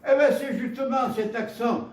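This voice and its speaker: A man's voice: very high-pitched, steady tone, recorded from a distance. Gascon-accented man preaching in an echoey hall. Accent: Gascon French. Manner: halting, repeats words, warm storytelling asides. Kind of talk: sermon. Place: church hall.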